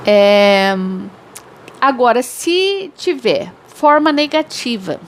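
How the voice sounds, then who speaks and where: A woman English teacher whose first language is Portuguese, giving a recorded grammar lesson and explaining slowly with repeated examples. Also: fairly high pitch, sing-song, slight background noise.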